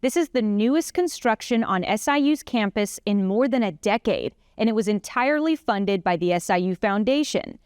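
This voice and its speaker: Upbeat female news anchor, lively intonation, close dry mic. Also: medium pitch, moderate pace, hardly any pauses, clean tone, dry recording. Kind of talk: scripted news presenting.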